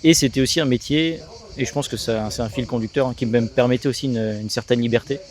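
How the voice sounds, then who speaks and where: Talking fast at medium pitch, a man in his thirties from Alsace, France, is interviewed as a sales agency co-founder. He's chatty and casual, full of business jargon.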